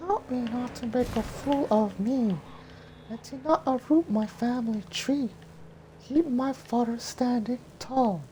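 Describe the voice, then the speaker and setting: A man voicing a nervous young woman from an animated film script in a high falsetto, over background noise. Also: unhurried, low-quality recording. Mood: pleading.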